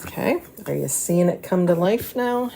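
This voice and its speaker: Gravelly woman with slushy, slurred S sounds. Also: lowish voice, animated, normal speed, warm tone, a little hiss or hum. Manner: chatty, mutters to herself and to the materials while working. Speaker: craft tutorial host. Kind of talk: casual hands-on craft tutorial, talking to viewers.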